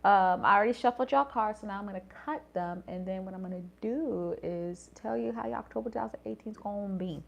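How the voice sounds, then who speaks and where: A woman's voice: mid-range voice, quick pace, gravelly, few pauses. A woman giving a casual tarot reading vlog, chatty and slangy, swearing and apologizing as she rambles. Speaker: astrology tarot reader.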